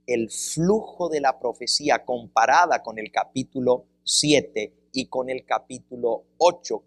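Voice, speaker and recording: A man's voice: medium pitch, no room sound. A man giving a Bible seminar lecture, quizzing his listeners with questions and repeating key phrases to drive home each point. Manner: asks the audience questions and explains with examples; deliberate, repeats phrases for emphasis.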